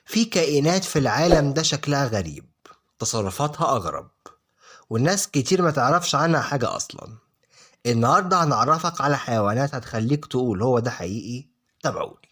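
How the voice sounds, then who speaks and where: An Egyptian man narrates in the manner of a nature documentary, in everyday colloquial speech. His mid-pitched voice moves up and down expressively. He speaks straight to the listener and phrases things for dramatic effect. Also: sing-song, quick pace, fairly bright tone. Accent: Egyptian Arabic. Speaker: narrator of an online video channel.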